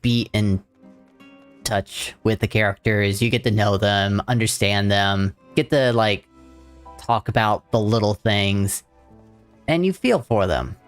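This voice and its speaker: A man's voice: on the low side, takes it slowly, clear, resonant tone. Guy streaming a game, chatty, says like a lot, music faint in back. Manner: chatty, relaxed, uses "like" often. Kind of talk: casual game commentary.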